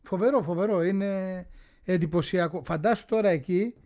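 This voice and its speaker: A man co-hosting a radio show, joking and chiming in excitedly. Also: sits high. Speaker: radio co-host. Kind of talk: casual chat.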